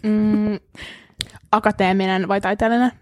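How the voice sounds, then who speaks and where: A young woman co-hosts a laid-back chat podcast and runs a quick-fire either-or game for her friends. Her pitch sits in the middle of the usual range. The sound is dry and close, with little room around it. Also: fairly even intonation, a little mellow, no echo. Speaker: podcast co-host. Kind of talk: casual chat.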